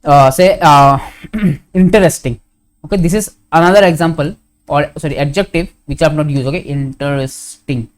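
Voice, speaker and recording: A man's voice: fairly high pitch, a little fast. A man teaching a grammar lesson, putting questions to his students and answering them himself, often stopping to correct himself and saying "okay.". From India.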